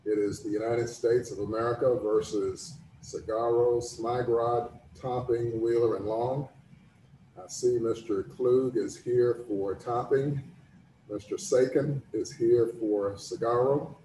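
An older man presiding as a judge, making formal procedural announcements in a measured, courteous, orderly manner. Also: mid-range voice, steady tone, mellow. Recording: roomy, distant mic with background noise.

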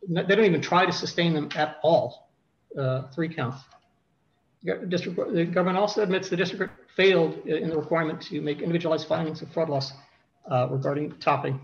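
A man giving a courtroom oral argument as defense attorney, halting and conversational, repeating words, with a gravelly voice. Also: fairly high pitch, dull audio.

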